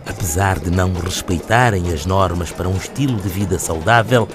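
Low-voiced man narrating a news report. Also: normal speed, music in the background.

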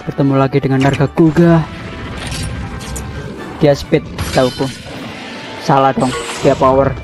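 A man giving casual let's-play commentary on a video game, excitable and repeating words in quick bursts. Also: mid-range voice. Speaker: gameplay commentator. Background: game music.

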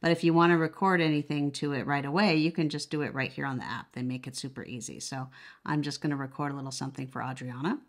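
Quick-paced and with fairly even intonation, a woman with a notably low voice talks through a product demonstration as a reviewer. She chats casually, explaining every step as she works.

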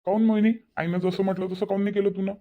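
A voice actor playing a grown man in a cartoon, a son and husband caught between his mother and his wife, who tries to calm things down. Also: mid-range voice, racing, narrow, tinny audio, natural voice. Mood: placating. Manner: placating, calming. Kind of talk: cartoon voice acting.

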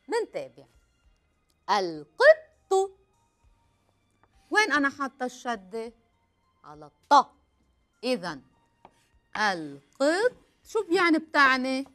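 A woman with a Levantine Arabic accent, a teacher giving a children's language lesson. She stretches words out slowly and keeps quizzing her viewers. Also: sits high, a bit bright.

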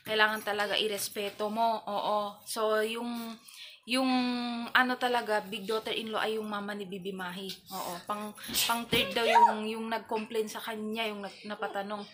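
A woman's voice: mid-range voice, little pitch movement, normal speed, background noise. A woman from the Philippines chatting casually to her viewers, rambling with many fillers and restarts. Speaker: vlogger. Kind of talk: casual gossip chat to viewers. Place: family home.

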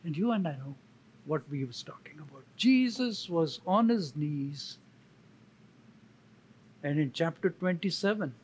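A man, a church elder, preaching a sermon slowly and emphatically, pausing for effect and repeating key words. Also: a little high, lively intonation, a little mellow, breathy edge, low-quality recording. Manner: slow, emphatic, with dramatic pauses and repetition.

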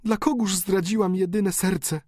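A male audiobook reader voicing a remorseful, despairing countess in a high, pleading voice. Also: fairly even intonation, unhurried, dark tone, no echo, studio quality, natural voice. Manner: pleading, anguished, high-pitched. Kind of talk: audiobook character reading.

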